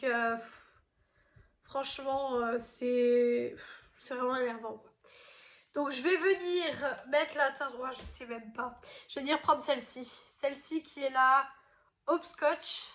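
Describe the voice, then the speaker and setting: A woman's voice: high voice, a bit bright. A woman vlogger who is ill, chatting casually through a makeup review with many hesitant fillers. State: ill, voice not as usual. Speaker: beauty vlogger.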